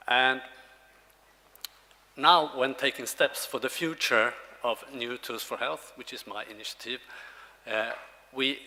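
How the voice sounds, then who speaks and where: A man from Sweden presenting a health initiative at a conference, in an earnest, deliberate way. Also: mid-range voice, pushed and bright. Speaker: project initiative leader. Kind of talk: conference pitch and answers. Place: conference hall with audience. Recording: reverberant conference hall.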